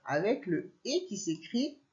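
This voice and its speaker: A woman teacher giving a dictation to young children, slowly stretching out each word and spelling out letters. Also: medium pitch, sing-song, darkish tone, dull audio. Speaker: primary school teacher.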